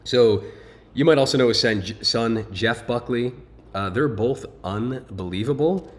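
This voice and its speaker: A man's voice: medium pitch, unhurried. A man hosting a casual video, reading a viewer's letter aloud and breaking off to comment in an informal, rambling way.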